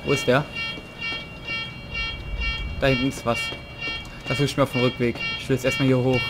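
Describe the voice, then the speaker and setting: Male Let's Play host, slightly low voice, slangy and repetitive, casual commentary over clear game music. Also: flat delivery, moderate pace. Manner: slangy, reacting aloud, repeating short phrases. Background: game music and sound effects.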